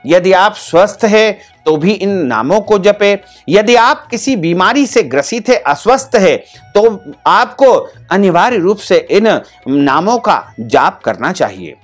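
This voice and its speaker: A man's voice: sits high, very animated, slow pace, soft background music. A man as a spiritual teacher giving a devotional discourse, repeating phrases in a rhythmic, listing cadence. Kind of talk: devotional discourse with mantra chanting.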